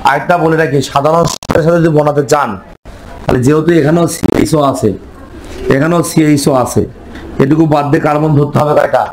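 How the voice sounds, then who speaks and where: A man's voice: fairly high pitch, steady tone, quick pace, background noise. Man lecturing a chemistry class. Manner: quizzes students with repeated questions, answers himself. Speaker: chemistry teacher.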